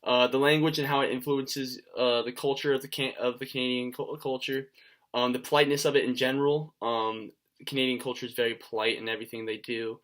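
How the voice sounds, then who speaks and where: A young man from Washington state talking through a class video presentation in a casual, halting way, with many fillers and restarts. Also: mid-range voice, flat delivery, fairly bright tone. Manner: casual, conversational. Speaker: student presenter.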